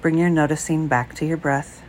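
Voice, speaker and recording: A woman leading a guided breath meditation, speaking slowly, calmly and softly. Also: low-pitched, slight background noise, poor audio. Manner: slow, calm, soft-spoken.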